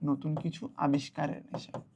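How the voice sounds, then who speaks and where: A woman's voice: low voice, flat delivery, creaky, mellow, a little hiss or hum. Patient young woman teaching a class. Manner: patient, repeats key words slowly for children. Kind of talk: online class lesson.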